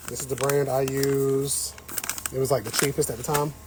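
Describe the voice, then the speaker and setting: Working the soil on his patio, this livestream host chats casually with his gardening audience. His voice sits at a medium pitch with a level tone and normal speed, and there's background noise in the clip.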